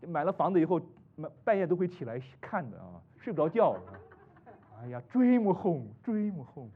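A man from China preaching a sermon, full of rhetorical questions, swinging between loud exclamations and hushed asides. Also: on the high side, sing-song, fast talker, breathy edge. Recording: tinny phone-like recording.

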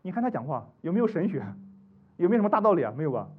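A male pastor preaching a sermon, animated and rising to emphatic peaks. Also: sits high, racing, breathy edge. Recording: dull lo-fi recording.

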